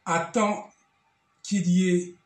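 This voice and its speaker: A middle-aged man from Belgium, a guest speaking earnestly in an interview, halting and repeating words as he searches for them. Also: sits high, flat delivery, breathy edge. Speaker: guest, association representative. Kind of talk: earnest testimony in a talk show interview.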